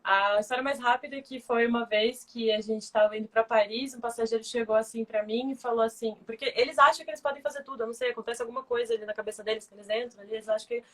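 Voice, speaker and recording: A woman's voice: a little high, fast talker, few pauses. A young adult woman and former flight attendant who chats casually and tells stories, acting out the voices of the people in them. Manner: animated, acts out dialogue in her stories. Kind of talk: casual chat, storytelling.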